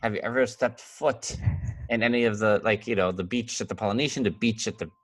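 A man's voice: lowish voice, fairly bright tone, dry recording. Rambling man with a Long Island accent. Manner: rambling, halting, restarts a lot. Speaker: podcast co-host. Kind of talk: casual chat.

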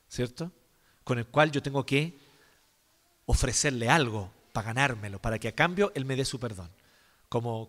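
A man preaching a sermon, expressive and acting out examples, often asking his listeners questions. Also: mid-range voice. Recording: long hall reverb.

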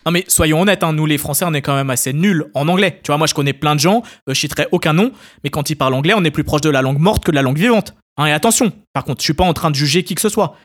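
A French man hosting a comedy podcast, sarcastic and full of asides. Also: a little high. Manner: sarcastic, rapid, peppered with hein and tu vois. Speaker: podcast host. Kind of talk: scripted comedy monologue.

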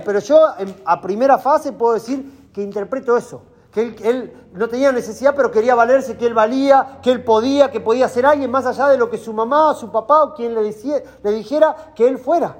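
A man with a very high voice and a Rioplatense accent, leading a group conversation. He explains his points in a patient, steady way. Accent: Rioplatense Spanish. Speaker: talk facilitator. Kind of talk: guiding a group talk.

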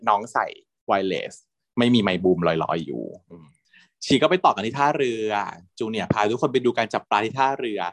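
A man's voice: fairly low pitch, a little fast, dry recording, clean studio sound. Chatty man recapping a drama. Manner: animated, chatty, laughs often, playfully coarse. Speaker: podcast co-host. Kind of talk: casual chat recapping a TV drama.

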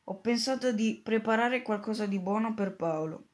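A woman's voice: on the high side, normal speed, lightly acted. A woman voicing a caring middle-aged mother in a read-aloud story, speaking tenderly.

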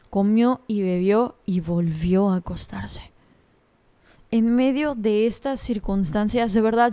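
A woman's voice: mid-range voice, warm tone. Earnest young woman giving a devotional talk. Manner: earnest, personal and confiding.

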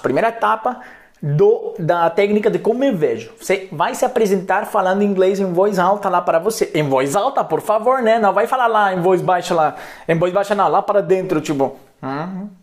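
A man, giving a chatty, playful live English lesson as a coach. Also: high voice. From Colombia. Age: 30s. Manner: playful, chatty, peppers talk with tag questions. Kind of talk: live-streamed language lesson.

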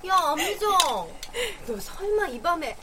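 Actress doing a sharp-tongued roommate in a radio drama, high and lively voice, nagging and exaggerated, with hiss in the background. she picks at her friend in a bright, scolding tone. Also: measured pace, heavily acted.

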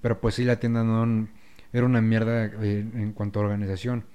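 A man's voice: lowish voice, level tone, fairly quick, mellow, smooth. A young man with a Mexican accent in a casual chat, laid-back, agreeing and then arguing his point. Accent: Mexican Spanish.

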